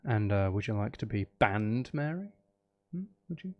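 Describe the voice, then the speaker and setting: Through lo-fi sound, a livestream host with a fairly low, very animated voice talks at a moderate pace. He plays a game while chatting casually with viewers, offering commentary alongside playful, rambling teasing and self-deprecating humour.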